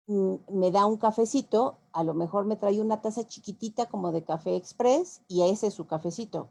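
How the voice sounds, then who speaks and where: A middle-aged Mexican woman, a linguist, giving an explanatory talk in a conversational way, pausing on fillers as she answers audience questions. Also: medium pitch, vocal fry, warm tone. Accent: Mexican Spanish. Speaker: guest lecturer, linguist.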